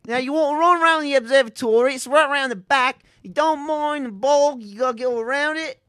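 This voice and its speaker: A man's voice: extremely high pitch, normal speed, no echo, clean studio sound, voice pushed up. A man putting on an exaggerated English fantasy-game accent, sing-song and hammy. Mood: mock posh.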